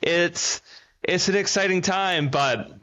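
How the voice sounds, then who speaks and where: A man in his thirties, a para cycling athlete, talks on a casual podcast in an earnest, reflective way, using long flowing sentences. His voice is high-pitched and sharp-toned, and he speaks slowly. The recording sounds dull and lo-fi.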